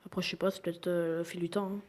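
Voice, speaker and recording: A woman's voice: on the low side, flat delivery, rapid-fire, darkish tone. A young woman giving casual commentary over a video game she is playing, chatty, often dropping to a whisper as she plays. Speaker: gaming YouTuber.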